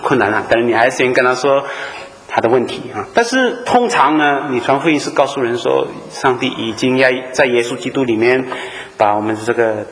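A man preaching to a congregation with a voice of middling pitch. He tells the story with animation, slips into the voices of the people in it, and leans on drawn-out fillers and quick "okay?" checks with the listeners. His voice rings with a long tail of reverb from the hall. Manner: animated storytelling, acts out dialogue, frequent "啊" fillers and tag questions. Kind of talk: sermon.

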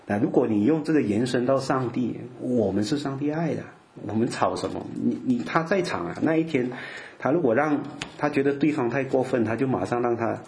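A man's voice: medium pitch, a little fast, gravelly, darkish tone, slight background noise. A middle-aged man preaching a sermon, often stumbling over repeated words and checking in with his listeners. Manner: repeats words, frequent 'ah' fillers, asks listeners OK.

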